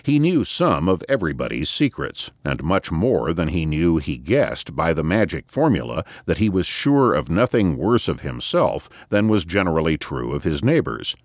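A man narrating a novel as an audiobook in a measured, expressive reading. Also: low voice, no echo, clean studio sound.

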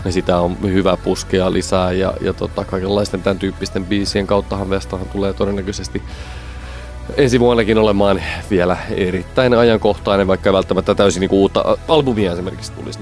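Deep-voiced man musing on a podcast. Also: a little mellow. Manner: thinks aloud with restarts and fillers. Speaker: podcast co-host. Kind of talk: casual music discussion.

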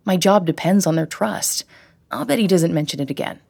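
A woman voicing a friendly, reassuring young male care-home worker who talks briskly. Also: fairly low pitch, expressive, vocal fry, darkish tone, breathy edge, full character voice.

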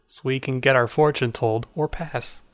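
A man's voice: mid-range voice, fairly even intonation, normal speed, no room sound, clean studio sound. A man reading game text aloud as narrator in a casual playthrough, without putting on character voices.

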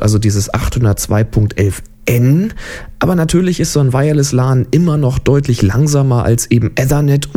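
A man hosts a podcast, talking through tech news in a loose, chatty way with wry little asides. His voice sits in a middle pitch and has a mellow, warm tone. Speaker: podcast host. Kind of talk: casual tech podcast commentary.

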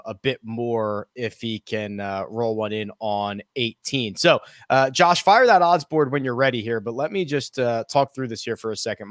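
A man's voice: medium pitch, a bit bright, dry recording, studio quality. A man hosting a podcast as a golf commentator, running through scores and odds in a conversational, presenter-like way. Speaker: podcast host.

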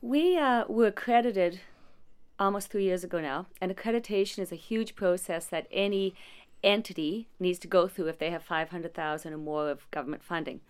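A woman's voice: fairly low pitch, moderate pace, smooth. A woman who leads a non-profit support agency, answering interview questions in a conversational way, telling stories with restarts and small laughs. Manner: warm storytelling with frequent restarts and small laughs.

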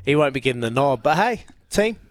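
A man's voice: medium pitch, very animated, brisk, no room sound. A man with a broad New Zealand accent hosting sports radio, bantering casually in a blokey, slangy way.

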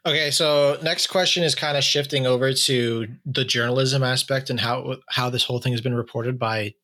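A man's voice: medium pitch, fairly even intonation, moderate pace, bright, forceful tone. A man hosting a casual online discussion over a video call, talking conversationally with many fillers and restarts. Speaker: podcast host asking questions.

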